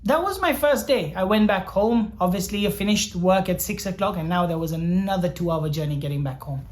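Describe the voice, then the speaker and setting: A man's voice: sits high, a little fast. A young man from Sri Lanka, a doctor, telling his story in an earnest, reflective way, often repeating words as he thinks aloud. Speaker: doctor vlogger. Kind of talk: personal storytelling vlog.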